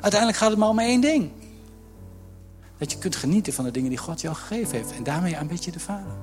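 A man preaching a lively sermon, acting out quotes and joking with the congregation. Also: sits high, fast talker, over music. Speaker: pastor.

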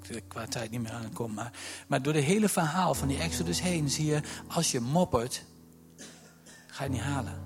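A man preaching a sermon in an animated way, dropping to a hush and then rising to near shouts as he acts out the story's voices. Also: a little high. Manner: animated, swings from hushed to loud, acts out voices of God and Moses.

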